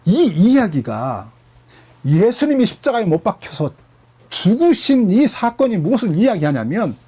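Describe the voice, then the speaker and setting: Husky, animated Korean preacher man. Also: normal speed. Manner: emphatic preaching with rhetorical questions; swings from loud bursts to hushed low lines. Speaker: pastor. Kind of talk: sermon.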